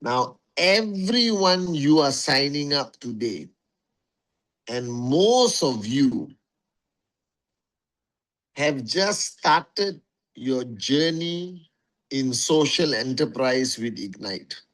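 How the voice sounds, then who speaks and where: A man's voice: mid-range voice, animated, extremely slow, long pauses, a bit bright. A man hosting a casual livestream for his network marketing followers, greeting viewers one by one as warriors and repeating phrases for emphasis, on a phone mic.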